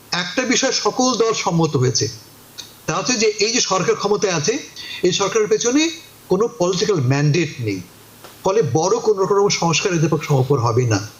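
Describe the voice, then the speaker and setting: Male talk-show guest, high animated voice, emphatic rhetorical style, echoey room. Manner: emphatic, asks and answers his own questions. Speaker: guest commentator. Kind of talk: political talk show discussion.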